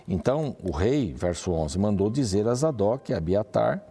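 Man, Bible study teacher, warm mellow voice, lively delivery. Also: fairly low pitch, normal speed, slightly rough. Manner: animated, reads verses aloud and comments.

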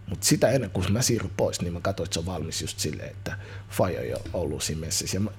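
Husky-voiced man talking energetically. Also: sits low. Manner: energetic, slangy, rambling with restarts. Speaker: guest, musician and youth football coach. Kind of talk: casual interview chat.

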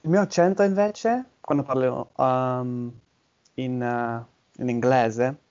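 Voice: medium pitch, slow pace, darkish tone, dull audio. A native English speaker from southern England with an English accent, chatting casually and searching for words in a second language. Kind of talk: casual chat about languages.

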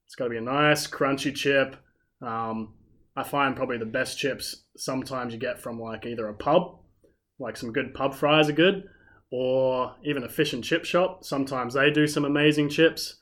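A man's voice: medium pitch, steady tone, normal speed, a bit bright. A man co-hosting a podcast, chatty and enthusiastic in casual talk. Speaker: podcast co-host. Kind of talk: casual chat.

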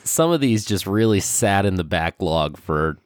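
A young man with a very deep voice, stuffy and nasal from a cold, co-hosts a laid-back podcast. He speaks haltingly with frequent ums, his pitch swinging widely. The sound is dry and close. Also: expressive, no room sound. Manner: hesitant, lots of ums and pauses. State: congested from a cold. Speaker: podcast co-host. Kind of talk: casual podcast chat.

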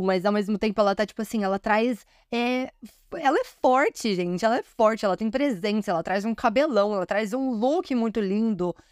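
A woman's voice: fairly high pitch, no room sound, clean studio sound. A woman from Brazil hosting a podcast, chatting enthusiastically and often calling out to her listeners. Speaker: podcast host. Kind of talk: casual podcast commentary.

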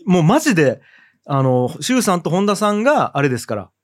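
Male podcast host, chatty with lots of fillers, animated delivery. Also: sits high, a little fast, no echo, studio quality. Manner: chatty, frequent fillers and hesitations. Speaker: podcast host reading sponsor messages. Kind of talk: casual podcast chat.

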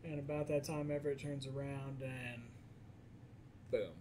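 A man's voice: medium pitch, little pitch movement, unhurried, warm tone, slight background noise. A man casually recapping a movie plot in a podcast chat, acting out the characters' lines as he goes. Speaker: podcast co-host.

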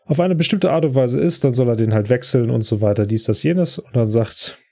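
A podcast host casually retells an episode, rambling and chatty with lots of fillers. His mid-range voice is warm, animated and brisk.

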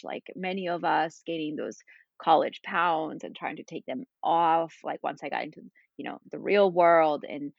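A woman's voice: low-pitched, gravelly, dry recording, highs cut off. A woman from Spain, in her thirties, chatting as a podcast guest in a rambling, filler-heavy way, about her cooking. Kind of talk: casual interview chat.

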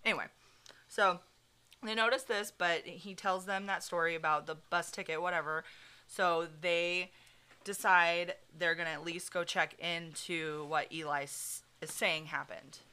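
A woman's voice: fairly low pitch, steady tone, unhurried, pushed and bright, clean tone. A woman hosting a podcast, telling a true crime story in casual chat, full of fillers and swearing. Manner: chatty, many fillers like "like", swears freely. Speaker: podcast host.

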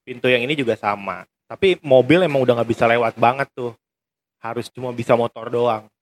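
Young man, animated storyteller who laughs a lot, casual co-host. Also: medium pitch, fairly quick. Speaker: podcast co-host. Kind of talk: casual chat.

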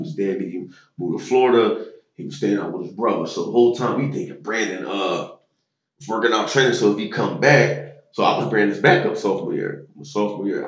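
Low-voiced man telling old football stories. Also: echoey room, lo-fi sound. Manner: loose, slangy, with many fillers. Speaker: interview guest, former football player. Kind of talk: casual storytelling interview.

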